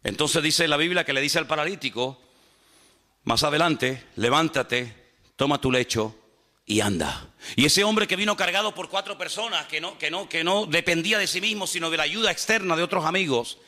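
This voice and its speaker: A man preaching a lively sermon as pastor, animated and humorous, using repetition, rhetorical questions and acted-out dialogues. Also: a little high, normal speed.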